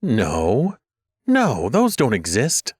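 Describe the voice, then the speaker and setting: A man's voice: mid-range voice, huge pitch swings, extremely slow, darkish tone, husky, no room sound, clean studio sound, pitched above the performer's own voice, full character voice. A man voicing a wry, doubtful young woman. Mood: skeptical.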